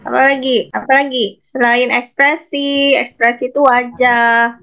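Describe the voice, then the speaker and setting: A woman's voice: a little high, fairly even intonation, unhurried, a bit bright. A woman lecturer teaching an online class, patiently explaining and calling on students by name. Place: online video call.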